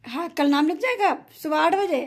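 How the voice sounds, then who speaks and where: A woman's voice: very high voice, normal speed, crowd noise. A woman in her thirties, a mother filming a casual family vlog with her young son, talking in a coaxing, half-laughing, half-tearful way.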